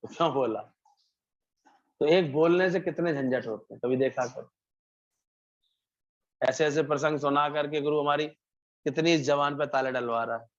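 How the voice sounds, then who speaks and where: A man's voice: a little high, moderate pace, pauses often. Man giving a satsang talk, storytelling style, kinda dull lo-fi sound. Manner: storytelling, acts out characters' lines, repeats phrases. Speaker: satsang preacher. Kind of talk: devotional sermon with parable. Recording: muffled lo-fi recording.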